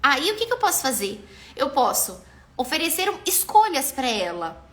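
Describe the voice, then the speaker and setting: A woman's voice: high voice, big pitch swings, normal speed. A Brazilian woman in her thirties hosting a live stream on parenting, talking casually and animatedly and acting out what parents and children say. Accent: Brazilian Portuguese.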